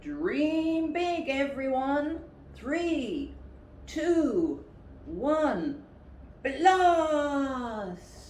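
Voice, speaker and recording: A woman's voice: sits high, very animated, extremely slow, a little mellow, voice pushed up, heavily acted. A woman voicing a bossy female hippo with big dreams, declaiming grandly in a storybook reading. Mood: excited. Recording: roomy, distant, noisy recording.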